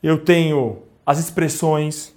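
A man's voice: on the high side, steady tone, slow, a little mellow. A man teaching a video lesson on communication, speaking straight to the viewer with rhetorical questions and acted-out examples. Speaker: communication trainer.

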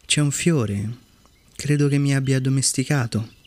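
A man's voice: mid-range voice, moderate pace, a little mellow, voice pushed up, lightly acted. Polite curious boy prince, storybook voice, a man doing him slightly raised and questioning.

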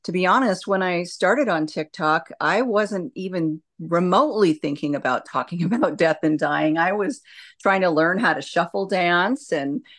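A woman with a distinctly low-pitched voice speaks as an interview guest. She explains things in a reflective, conversational way, like a nurse educating listeners. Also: expressive, moderate pace, a bit bright.

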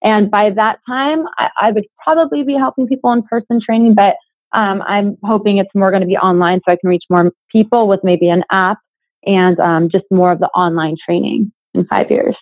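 A woman's voice: medium pitch, fairly even intonation, normal speed, no room sound, narrow, tinny audio. A young woman chatting casually as an interview guest, a fitness coach with a bubbly, giggly manner.

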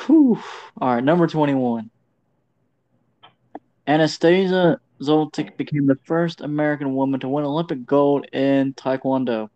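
A man with a mellow, warm-toned voice chats in a relaxed way on a podcast and perks up over anime. The audio sounds dull and lo-fi. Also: mid-range voice, normal speed. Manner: laid-back, excitable about anime. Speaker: podcast co-host. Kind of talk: casual podcast chat.

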